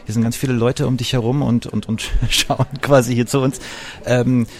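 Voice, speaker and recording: A man hosting a podcast interview in a station lounge, asking relaxed questions with a few fillers. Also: mid-range voice, moderate pace. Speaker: podcast host.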